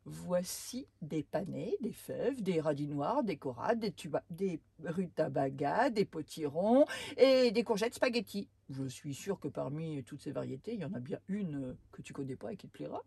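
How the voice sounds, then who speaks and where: Woman doing a nervous hungry giant, kinda mumbly and husky, dry mic. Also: sits low, animated, normal speed, few pauses, warm tone, no room sound, voice pushed down, exaggerated voice. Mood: coaxing. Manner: fretful, mumbling, half-whispered. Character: timid greedy giant, clumsy and naive.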